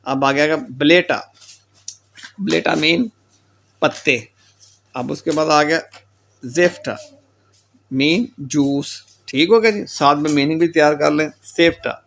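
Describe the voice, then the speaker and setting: In an unhurried, slightly high, gravelly and somewhat bright voice, a man lectures patiently on German pronunciation, with a little hiss or hum audible. He reads each word on his list and its meaning, repeatedly tagging on "theek ho gaya ji."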